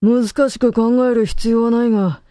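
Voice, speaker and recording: Stern dark-voiced lecturing co-host. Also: mid-range voice, fairly even intonation, moderate pace, dry recording. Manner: stern, lecturing, clipped declaratives. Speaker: co-host giving stern verdicts. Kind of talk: terse authoritative pronouncements.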